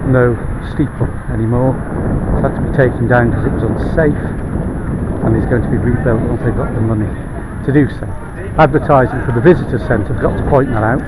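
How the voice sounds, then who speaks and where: A middle-aged man, giving a casual, halting tour commentary while riding a bicycle outdoors. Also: medium pitch, fairly even intonation. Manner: halting, piecemeal delivery while cycling. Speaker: cyclist filming a guided ride. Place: outdoors on a moving bicycle, city streets and park. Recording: outdoor wind noise on microphone. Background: loud wind and traffic noise.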